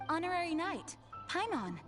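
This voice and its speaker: A woman's voice: extremely high pitch, sing-song, moderate pace. A woman voicing Jean, a composed, dutiful knight commander in a video game, formal and earnest. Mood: formal, businesslike. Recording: game audio, somewhat distant, under music.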